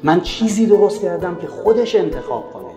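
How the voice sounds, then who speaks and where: A man giving a lively talk on raising children, pressing the listener with rhetorical questions. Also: high voice. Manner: asks many rhetorical questions. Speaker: religious parenting speaker. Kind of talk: lively lecture retelling a story. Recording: roomy echo with faint music.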